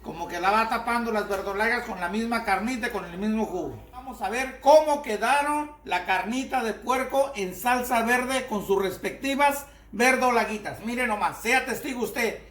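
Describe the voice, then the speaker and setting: A man's voice: very high-pitched, normal speed, hardly any pauses, a bit bright, a little hiss or hum. A man giving a folksy cooking demonstration at his stove, coaxing the viewer step by step. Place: home kitchen by the stove. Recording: echoey kitchen with frying sizzle.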